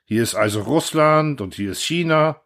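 A man's voice: fairly high pitch, expressive, fairly bright tone, pitched above the performer's own voice. A man doing a clumsy rambling guard. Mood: earnest rambling. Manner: halting, rambling, full of fillers. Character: bumbling male airfield guard, eager, clumsy speaker.

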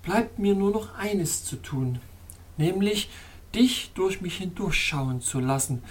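A woman's voice: lowish voice, expressive, slow pace. A woman voicing a sorrowful, anxious young fairy princess in a storybook reading, with a pleading, tremulous murmur. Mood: solemn.

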